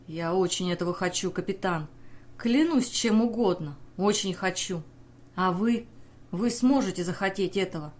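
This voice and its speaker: A woman's voice: medium pitch, lightly acted. A woman reading the part of a desperate male sailor who pleads with and accuses his captain. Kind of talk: audiobook character reading.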